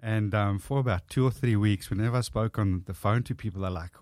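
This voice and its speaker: Deep husky South African man, Afrikaans first language, earnest, measured, low pitch. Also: darkish tone, dry recording, studio quality. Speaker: podcast guest, author. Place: studio.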